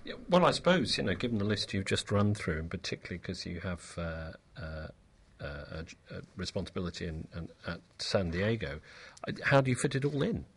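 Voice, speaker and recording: A British man co-hosting on the radio, asking a question in a hesitant, halting way. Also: sits low, big pitch swings, a bit bright, slightly rough. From Britain. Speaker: radio co-host.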